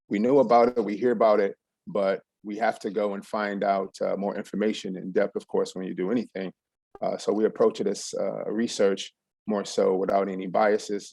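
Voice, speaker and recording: A middle-aged man from San Antonio, Texas, USA, speaks with a fairly low pitch, vocal fry, and a darkish tone on a dry recording. He gives a loose, rambling presentation to an audience, full of ums and restarts.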